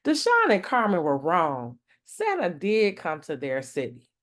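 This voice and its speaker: A woman hosting storytime reads a children's picture book aloud in a voice on the low side, expressive and deliberate in her phrasing.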